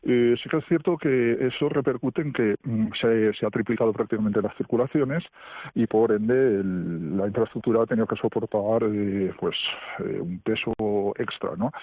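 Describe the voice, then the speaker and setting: Anonymous male train driver, voice disguised by deep pitch shifting, heard over a dry, phone-like line, halting and careful. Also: no room sound. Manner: halting, careful, often tags questions onto his points. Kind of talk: remote radio interview.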